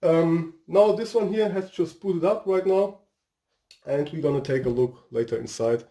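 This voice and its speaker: Brief: Portuguese-accented man, a bit high-pitched and warm, casual tech reviewer, hesitant non-native English, drifts off topic. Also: normal speed. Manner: rambling, hesitant, searching for words. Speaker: tech video host. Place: home room with a fireplace.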